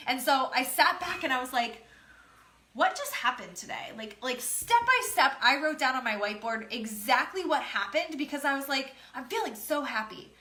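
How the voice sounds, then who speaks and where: Slightly nasal and congested from a cold, a woman business coach delivers a casual, emphatic motivational talk and keeps repeating her key phrases. Her voice is high-pitched and expressive, with a sharp tone and a moderate pace.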